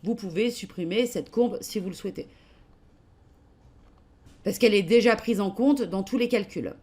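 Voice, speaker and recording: A French-accented woman hosts a live webinar on trading software, reading out and answering questions. Her mid-range voice moves at a moderate pace, casual and hesitant, with plenty of fillers.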